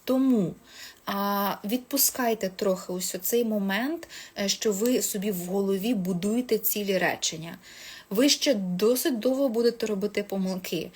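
A woman's voice: medium pitch, moderate pace, darkish tone, breathy edge. A woman English teacher giving casual advice on speaking a foreign language, chatty, with many hesitations and self-corrections.

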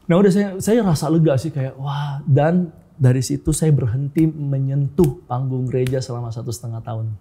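A man's voice: mid-range voice, normal speed, dark tone, breathy edge. A man in his thirties from Makassar tells his personal testimony as a guest in a casual, informal way, often calling the host "bro" and mixing in English phrases. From Makassar, Indonesia.

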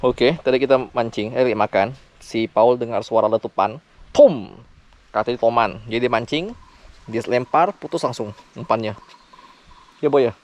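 A man's voice: mid-range voice, moderate pace. A man, narrating a casual outdoor travel vlog, chatty and playful, calling everyone "boy". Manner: chatty, says "boy" constantly, playful joking. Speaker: travel vlogger. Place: outdoors in the forest by a river.

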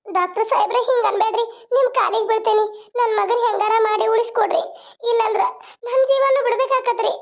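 A woman's voice: extremely high pitch, fairly even intonation, fast talker, voice pushed up. A woman voicing a desperate young village mother who begs and sobs, in a North Karnataka Kannada accent, for a cartoon. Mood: sobbing. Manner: sobbing, begging. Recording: lo-fi phone-like sound.

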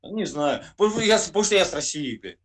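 A man's voice: fairly high pitch, sing-song, a loud crowd. A man in his forties who grew up in Russia, a truck driver, swearing and snapping back on a video call from indoors. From Russia, born in Kyiv. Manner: crude, swearing, quick retorts. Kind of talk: heated video chat argument. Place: indoor room. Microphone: webcam video call.

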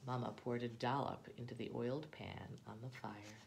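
A woman reading a children's picture book aloud, telling the story in an expressive, animated way. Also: rumbling low, normal speed, vocal fry, slight background noise. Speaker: storybook reader.

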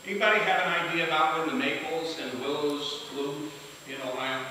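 A man teaching a beekeeping class to a live audience in a lively lecture manner, often putting questions to the room. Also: fairly high pitch, brisk. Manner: energetic, asks the audience questions. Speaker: beekeeping instructor. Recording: echoey hall from far off, hiss.

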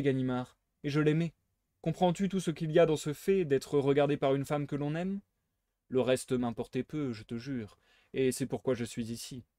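A man reading as a smug gentleman thief. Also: mid-range voice, dry recording, close to an everyday voice. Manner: playful, teasing, smugly theatrical. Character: suave mocking gentleman thief, adult man. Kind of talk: live reading of a novel aloud.

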